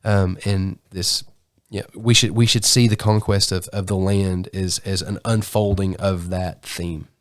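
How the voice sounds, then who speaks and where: Low-voiced man in a dry booth. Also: flat delivery, measured pace, no room sound. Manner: restarts often, self-correcting. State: sick voice. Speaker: podcast co-host. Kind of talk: casual Bible discussion. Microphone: studio mic.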